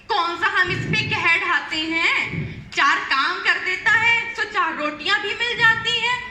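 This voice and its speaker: A woman playing a haughty, scornful shopkeeper's wife on stage, sharp-tongued and complaining. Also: very high-pitched, slight background noise, heavily acted. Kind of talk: stage play acting. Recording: echoey stage hall recording.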